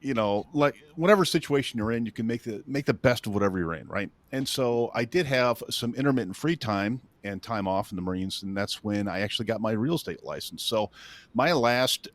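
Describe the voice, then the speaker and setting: Low-voiced man in his fifties, joking. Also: dry recording. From northern Illinois, USA. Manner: self-deprecating, laughs at his own stories. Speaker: guest, real estate coach. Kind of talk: casual interview storytelling.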